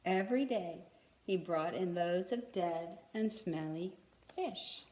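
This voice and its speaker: With a lowish voice and a dark tone, a female storyteller reads a children's story expressively. She stops to ask the young audience questions, in a room with noticeable echo.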